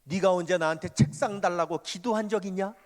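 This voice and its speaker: A man's voice: high-pitched, brisk, natural voice. A man preaching in a sermon, voicing a stern, fatherly divine voice that admonishes a young preacher. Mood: scolding. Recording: long church hall reverb.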